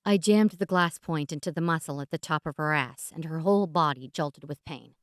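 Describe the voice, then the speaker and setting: Reading fantasy fiction as an audiobook narrator, a fairly low-voiced woman performs with theatrical deliberateness and dramatic pauses. The recording is dry and close-miked.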